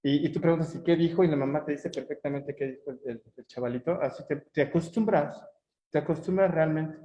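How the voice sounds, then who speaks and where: A man's voice: a little high, fairly quick, mellow. A middle-aged Mexican man giving a conversational conference talk, telling anecdotes with many tag questions and fillers. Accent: Mexican Spanish. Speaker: conference speaker. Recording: echoey, dull lo-fi room audio.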